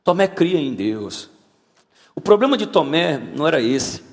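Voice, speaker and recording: A male pastor preaching an animated sermon, repeating words and swinging up to shouts. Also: a little high, a little slow. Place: church auditorium. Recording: church hall reverb.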